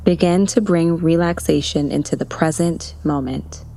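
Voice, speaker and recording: A woman leading a guided body-relaxation meditation, speaking in soft, soothing instructions with long pauses. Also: low voice.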